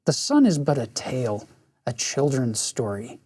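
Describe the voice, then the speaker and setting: A man reading aloud and voicing a manipulative female queen of the underworld, with a soft, cooing, coaxing delivery. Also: mid-range voice, big pitch swings, a little slow, breathy edge.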